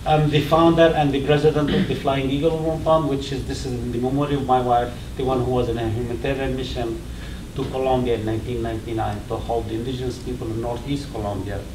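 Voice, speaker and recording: A man from northern Palestine tells his story in broken, halting English with frequent restarts. He sits some way from the microphone in a reverberant space with steady background noise. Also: medium pitch. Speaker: interview guest. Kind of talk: personal recollection. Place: museum. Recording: echoey room, distant mic, noisy.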